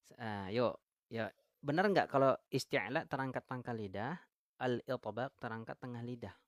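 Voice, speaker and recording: A man with an Indonesian accent teaches Quran recitation on a live stream, at an ordinary middle pitch. He quizzes his viewers and reads their comments aloud. The sound is dry and close, with no room echo. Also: normal speed. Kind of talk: live-stream tajwid lesson.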